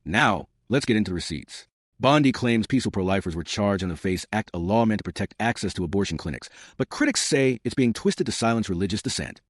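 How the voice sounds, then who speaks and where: A man narrates scripted political commentary in a low register, moving quickly with lively swings of pitch. His phrasing is punchy and dramatic, as a channel host would deliver it, and the recording is close and dry. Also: no room sound. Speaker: YouTube news commentary host.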